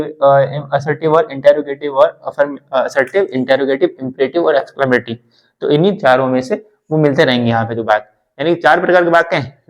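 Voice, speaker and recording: A man's voice: mid-range voice, rough recording. Man, english teacher, repetitive reassuring explanations, grammar lesson.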